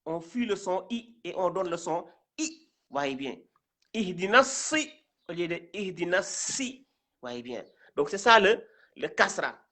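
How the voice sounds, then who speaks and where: A man from Senegal gives a slow reading lesson, spelling out each syllable and repeating it patiently for his learners. His voice is bright and forceful, and he speaks at an unhurried, deliberate pace. He keeps checking in with short asides as he goes. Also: high voice, big pitch swings. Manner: patient and repetitive, often adding "hein" and "voyez bien". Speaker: Quran reading teacher.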